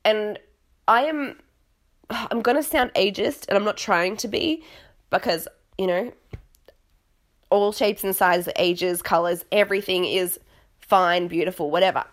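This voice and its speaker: Talking a little slowly and pausing often, this podcast host's mid-range voice carries a dramatic, exclamatory energy. She's a young adult woman rambling casually about reality TV, often poking fun at herself.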